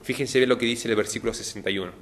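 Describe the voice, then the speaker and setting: A man preaching a televised sermon, speaking straight to his listeners and acting out the quoted lines with lively jumps in pitch. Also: racing. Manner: animated, acts out quoted lines with rising pitch; addresses the audience directly.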